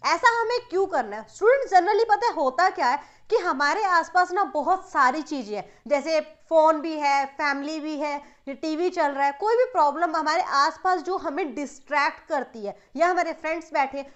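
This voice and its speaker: A woman's voice: high voice, moderate pace, few pauses. A young woman giving a motivational study lesson to students, talking to them directly and mixing English terms into her Hindi. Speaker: study coach.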